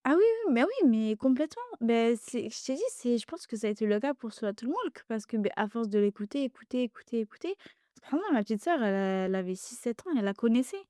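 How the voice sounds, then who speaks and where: Talking at a quick pace in a voice on the high side, a young woman guests on a podcast for a casual conversation. Her first language is an Arabic dialect; she's animated, hesitant, and full of fillers and restarts. The sound is clean studio audio with no room sound.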